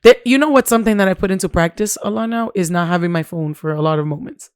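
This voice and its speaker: A woman's voice: mid-range voice, fast, clean tone, dry recording, clean studio sound. Chatty woman in her thirties. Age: 30s. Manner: animated, chatty, switches into Spanish phrases. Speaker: podcast co-host. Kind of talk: casual chat.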